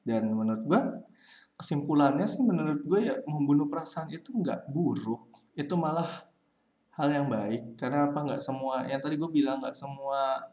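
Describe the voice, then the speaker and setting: A man's voice: fairly high pitch, moderate pace, dark tone. A young man talking through a casual solo podcast, giving rambling, slangy advice full of fillers. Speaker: podcast host. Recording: roomy echo.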